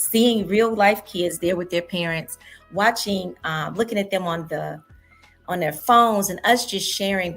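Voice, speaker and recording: A woman co-hosting a morning talk show, chatting casually and telling stories with a sultry, husky voice. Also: on the low side. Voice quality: sultry, husky from homecoming weekend. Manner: chatty and storytelling, calls listeners honey.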